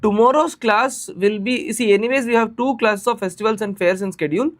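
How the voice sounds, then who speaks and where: A man's voice: high voice, a little fast. A man with an Indian accent teaching an informal live online class, repeating phrases and checking in with questions. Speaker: teacher of exam preparation class.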